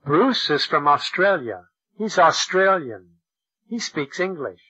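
A man reads out textbook lessons at an unhurried, careful pace, his voice bright and a little husky. The sound is dull and lo-fi, like an old classroom cassette. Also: a little high, very animated. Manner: slow, deliberate, over-articulated delivery for learners. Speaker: textbook audio narrator. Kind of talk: slow, clear textbook reading.

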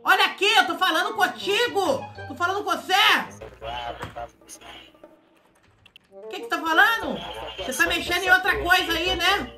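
A man voicing a panicked, whiny man in a role-play game who pleads and shouts for help because his house is on fire. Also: extremely high pitch, a little fast, over music. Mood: indignant. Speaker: streamer playing a role-play game character.

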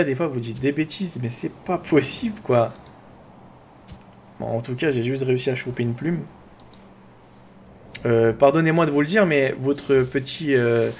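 A man with a French accent doing chatty, excitable let's play commentary, talking to his viewers and to his own character. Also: mid-range voice, a little hiss or hum. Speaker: gaming YouTuber.

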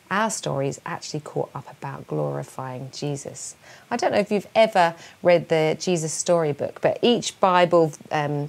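An English woman in her forties gives a keynote devotional talk and prayer to young people, earnest and encouraging, gesturing with open hands. Her voice is low, gravelly and darkish, captured on a lapel mic in a small room at home indoors.

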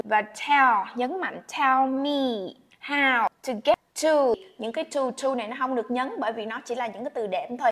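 A woman teaching travel English phrases in Vietnamese, slowing down carefully to model each English phrase. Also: fairly high pitch, fairly bright tone. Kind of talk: Vietnamese-language English lesson.

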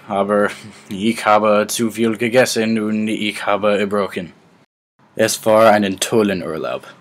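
19 yr old american guy, english native, reading out his class project slow and careful, lowish voice. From United States. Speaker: student. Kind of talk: read class presentation.

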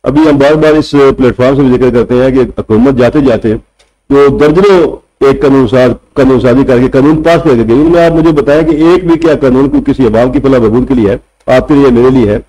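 A man's voice: mid-range voice, brisk, mellow, rough recording. A male senior journalist with a Punjabi Urdu accent, arguing his points with rhetorical questions on a studio panel. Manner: argumentative, rhetorical questions to the host. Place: TV studio set. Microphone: table mic.

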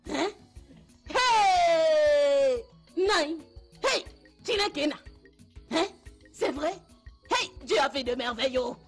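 A high, bright mother's voice bursting with exclamations and praise to God, performed by a woman in a dubbed film, with soft music underneath. She calls out again and again, loud and overjoyed. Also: lively intonation, unhurried, pauses often, full character voice. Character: jubilant mother overjoyed at daughter's engagement. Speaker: mother of the bride-to-be.

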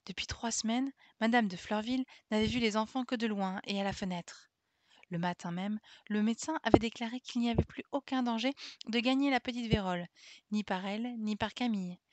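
A woman streamer reading a classic children's novel aloud in a calm, steady storytelling manner. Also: a little high, fairly quick, dry recording, highs cut off.

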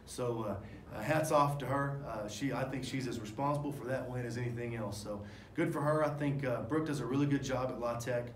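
Talking a little fast with few pauses, this medium-pitched coach, a man in his forties, answers questions after the game at a table of microphones before a sponsor backdrop. He's candid but rambling, full of fillers and restarts, and the press room echoes with faint noise.

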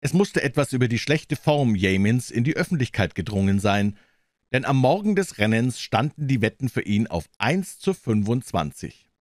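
A man reading a crime story aloud as an audiobook narrator, measured and expressive. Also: medium pitch, dry recording, clean studio sound.

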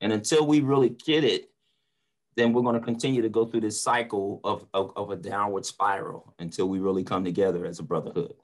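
A middle-aged preacher and motivational speaker from North Philadelphia talks on a video call in a casual online panel, his voice fairly low, fairly even and fairly quick. Earnest and emphatic, he repeats words to drive his point home. He's in a small indoor room at home or an office, using a computer mic.

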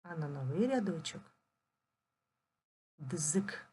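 A woman teaching a primary school language lesson, dictating slowly and clearly and drawing words out syllable by syllable. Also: fairly low pitch, lively intonation, mellow, a little hiss or hum. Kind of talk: recorded online lesson.

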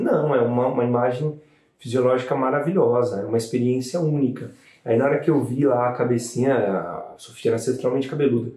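A man, a new father, telling the story of his child's birth in a casual, animated way to camera. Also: medium pitch, echoey room. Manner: chatty, animated retelling with frequent "né" tags.

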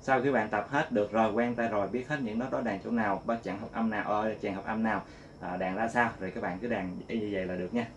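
A man giving a casual guitar lesson, singing note names slowly between quick explanations. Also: fairly low pitch, steady tone, dull audio, a little hiss or hum. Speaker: guitar teacher. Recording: loud guitar playing along.

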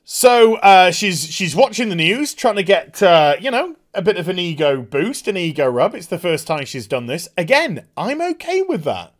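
Speaking at normal speed in a high voice with hardly a pause, a man reviews a TV episode casually and with plenty of cursing. He's animated, performing the scenes in put-on voices.

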